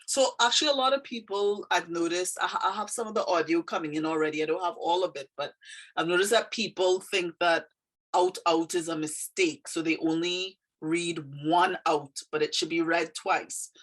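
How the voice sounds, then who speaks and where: Speaking at a normal pace in a fairly low register, a woman from Trinidad discusses her own poem. Her accent is Trinidadian with a slight Canadian edge, and her casual explanation is reflective, halting, and full of fillers.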